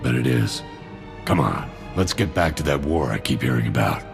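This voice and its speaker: A cynical, greedy mercenary, an alien arms dealer with dry humour, speaks in an extremely deep, rumbling, gravelly voice. In laid-back video game cutscene dialogue over prominent music, he lays out his schemes sounding pleased and confiding. It's an animated, full character voice at a moderate pace.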